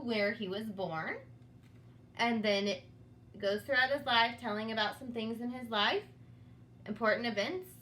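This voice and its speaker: A woman with a fairly high, slightly bright voice reads a storybook aloud to children, dramatic and teacherly, with asides to the young listeners. There's a little hiss or hum on the recording.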